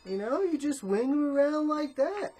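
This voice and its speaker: A woman's voice: high voice, lively intonation, normal speed, warm tone, slight background noise. A woman rambling through a casual comedic vlog in a drawling, laid-back stoner-dude manner, tacking "man" onto her phrases and filling gaps with "you know" and "uh.". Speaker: vlogger.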